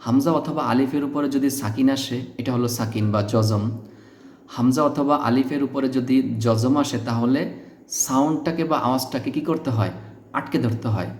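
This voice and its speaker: A man teaching Quran pronunciation, repeating syllables slowly and patiently to stress the correct sounds. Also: medium pitch, a little mellow, slight background noise. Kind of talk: step-by-step pronunciation lesson. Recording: echoey room.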